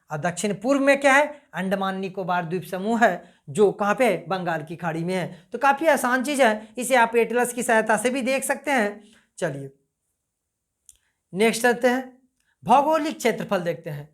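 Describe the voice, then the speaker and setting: A woman's voice: a little high, animated, normal speed. A woman teaching a geography lesson, repeating points and quizzing her listeners as she goes. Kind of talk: casual classroom-style lesson.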